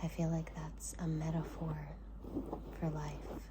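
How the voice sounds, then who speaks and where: A woman hosting ASMR in a soft, hushed whisper, speaking in short unhurried phrases with pauses between them. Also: low-pitched, monotone, heavy background noise. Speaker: ASMR host.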